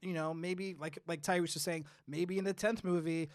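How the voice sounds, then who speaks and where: A man hosting a casual podcast, steering the talk in a relaxed way with hesitant fillers. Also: fairly high pitch, normal speed, no room sound, clean studio sound. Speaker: podcast host. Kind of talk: casual review chat.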